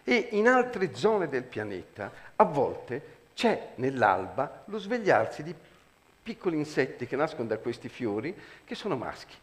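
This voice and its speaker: Animated man telling stories on stage. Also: medium pitch, unhurried. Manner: animated, chuckling storytelling. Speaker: storyteller, performer. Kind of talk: lively anecdote telling on stage.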